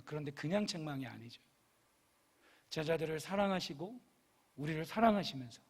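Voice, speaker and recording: A middle-aged male pastor preaching a sermon in a church, animated, and at times acting out the voices of the people in his story. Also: a little high, husky. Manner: animated, acts out playful voices of the figures in the story. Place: church sanctuary.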